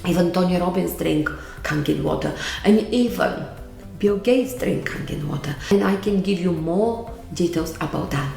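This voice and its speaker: A woman's voice: on the low side, moderate pace, vocal fry, darkish tone, soft background music. Earnest Bulgarian-accented woman, echoey room. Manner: earnest, emphatic, repeats key words. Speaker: vlogger giving life advice. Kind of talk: motivational talk to camera.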